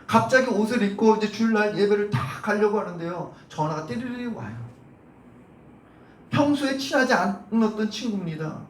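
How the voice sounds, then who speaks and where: A high-voiced male pastor delivers an animated Sunday sermon, acting out the shouts of the crowd and putting questions to his congregation. The sound is roomy and comes from a mic some way off in the church, with a faint hum behind him. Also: moderate pace, distant mic. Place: church sanctuary.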